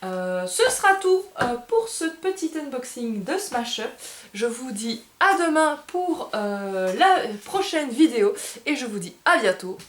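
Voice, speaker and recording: This woman speaks in a high, unhurried voice with big swings in pitch. In a casual unboxing video for a game bar, she chats and hesitates, correcting herself as she handles the cards. The room sounds spacious, and faint background noise is present.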